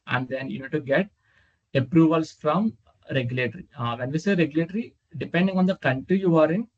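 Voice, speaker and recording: Give me a man explaining patiently over a slightly muffled video call, full of hesitant "uh"s as he answers a question. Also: a little high. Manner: halting, many "uh" fillers, patient explaining. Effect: heard over a video call. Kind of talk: unscripted Q&A explanation.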